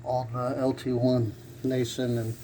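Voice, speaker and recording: A man's voice: mid-range voice, monotone, unhurried, dark tone, poor audio. Man narrating car repair over noise. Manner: plain-spoken, thinking aloud. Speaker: amateur car repair vlogger. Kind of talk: casual hands-on repair narration. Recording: clear background noise, vehicle ambience.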